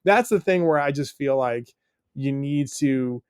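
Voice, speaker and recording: A man's voice: mid-range voice, measured pace, a little mellow, smooth, no room sound, clean studio sound. A middle-aged man, a stay-at-home dad guesting on a podcast, talking in an earnest, rambling way with lots of fillers. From United States. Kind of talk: casual interview chat.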